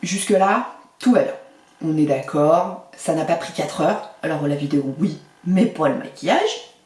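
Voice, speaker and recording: A woman's voice: low-pitched, lively intonation, moderate pace, a little mellow, recorded from a distance. A woman vlogger talking casually through a makeup tutorial, chatty and playful, with little sing-song asides. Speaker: beauty vlogger. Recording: echoey room, mic set back.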